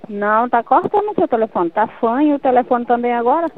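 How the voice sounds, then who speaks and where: A woman with a Brazilian accent on a phone call, repeating forceful commands in a deliverance prayer. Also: a little high, expressive, a little fast. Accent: Brazilian Portuguese. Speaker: church worker on a phone call.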